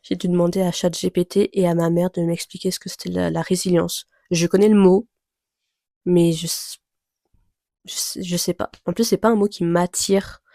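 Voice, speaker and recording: A young woman chatting casually to camera about her reading plans, rambling with many fillers and soft laughs. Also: fairly low pitch, flat delivery, normal speed, vocal fry, long pauses, dry recording, studio quality. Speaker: book vlogger.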